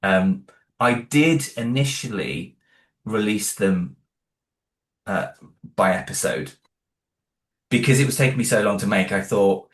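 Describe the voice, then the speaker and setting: A British man, an independent audio drama creator, chats casually as an interview guest, earnest and a little hesitant as he thinks aloud. His lowish, slightly bright voice has lively intonation, unhurried with frequent pauses, in a roomy, echoing space.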